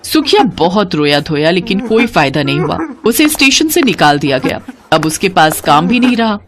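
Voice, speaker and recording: A woman narrating a scripted children's moral story in an expressive storytelling manner. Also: fairly low pitch, moderate pace, slight background noise.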